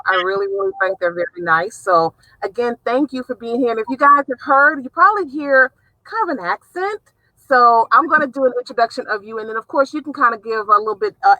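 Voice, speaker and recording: Bright New Orleans woman host. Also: on the high side, no room sound, poor audio. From South Louisiana. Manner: enthusiastic, laughing, talkative. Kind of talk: casual interview chat.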